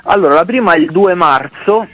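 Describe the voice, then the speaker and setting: A man's voice: high voice, lively intonation, a little fast, a bit bright. A man with a Roman Italian accent chatting casually as a guest on a radio phone-in, sounding a little far away down the line. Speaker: band member, phone-in guest. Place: on a phone call to a radio show. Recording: distant-sounding phone call.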